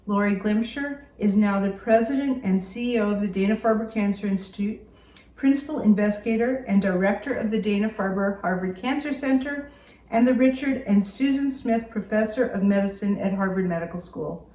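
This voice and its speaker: A woman's voice: medium pitch, fairly quick, mellow. Echoey, distant woman giving formal podium speech. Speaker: academic introducing a keynote speaker. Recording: roomy echo, distant microphone.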